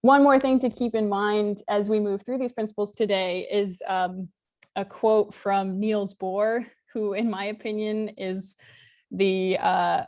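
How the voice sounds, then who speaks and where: A woman's voice: mid-range voice, darkish tone. A woman in her thirties from Alaska giving an informal online lecture on a video call, talking in a friendly, conversational way with occasional fillers. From Alaska, United States. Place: home room with virtual background. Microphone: laptop webcam mic on a video call.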